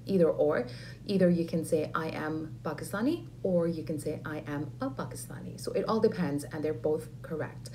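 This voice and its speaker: A woman teaching an English lesson, saying model phrases slowly and clearly for learners to repeat. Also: low-pitched, dark tone, slight background noise, low-quality recording. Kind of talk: ESL lesson with repeat-after-me drills.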